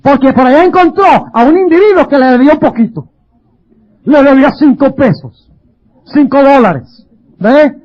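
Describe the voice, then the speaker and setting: A male pastor with a strikingly high voice preaches emphatically, putting rhetorical questions to his congregation. The recording is muffled and lo-fi. His delivery has the steady push of a sermon. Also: normal speed, long pauses.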